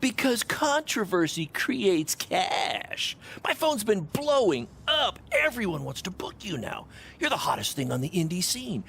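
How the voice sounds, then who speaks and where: In this theatrical video game performance, a brash, scheming indie wrestling promoter hypes things up like a born salesman, relentlessly upbeat and self-satisfied. His full character voice runs a bit high and creaky, with a lively, swooping delivery. Faint noise sits in the background.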